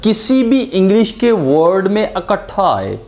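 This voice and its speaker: An English pronunciation teacher giving a lesson and drawing out each example word slowly. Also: medium pitch, very animated, darkish tone. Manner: drawn-out example words, explained in Hindi-Urdu.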